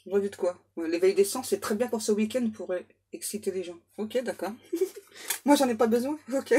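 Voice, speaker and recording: A woman's voice: medium pitch, normal speed, dark tone, breathy edge. A woman medium giving a casual oracle card reading, chatty and self-mocking as she banters aloud with her spirit guides.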